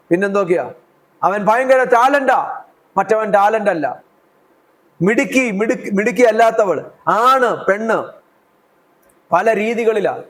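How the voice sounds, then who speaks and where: A Malayali man preaching a sermon in a fairly high voice. He hammers points home by repeating his phrases and keeps asking the congregation questions. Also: low-quality recording. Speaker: pastor.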